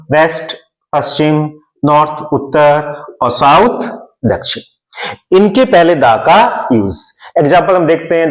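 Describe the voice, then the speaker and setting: A man from India gives a grammar lesson at a deliberately slow pace, walking through each point step by step. His voice sits a little high for a man. He says each term in both Hindi and English. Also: poor audio. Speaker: English teacher.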